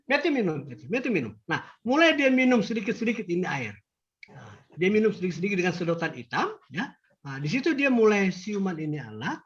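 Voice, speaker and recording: Lively older man. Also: sits high. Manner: emphatic, animated storytelling. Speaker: grandfather giving testimony. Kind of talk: testimony to an audience. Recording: dull lo-fi recording.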